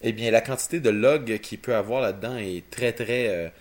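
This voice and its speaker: Lowish-voiced Québécois man, halting delivery. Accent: Quebec French. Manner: halting, often repeating words. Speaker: podcast co-host. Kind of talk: casual technical explanation.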